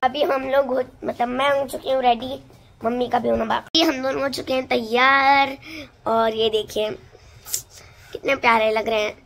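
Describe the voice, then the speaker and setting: A teenage girl vlogging casually and excitedly, showing things to her phone camera at home and in a moving car. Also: fairly high pitch, normal speed, gravelly. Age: teens. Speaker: vlogger, elder daughter. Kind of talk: casual vlog chat.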